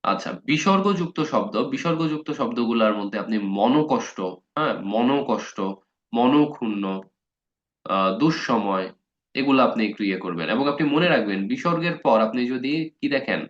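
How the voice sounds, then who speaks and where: A man teaching a grammar lesson in a relaxed, conversational way, his voice sitting at an ordinary middle pitch. He keeps checking in with his listeners and drags out words slowly to show their spelling. The recording sounds dull and lo-fi. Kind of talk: casual spoken lesson.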